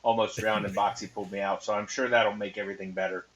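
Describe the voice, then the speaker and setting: A man's voice: lowish voice, little pitch movement, fast talker, a bit bright, a little hiss or hum. A man playing a tabletop game, chatting casually in character and out.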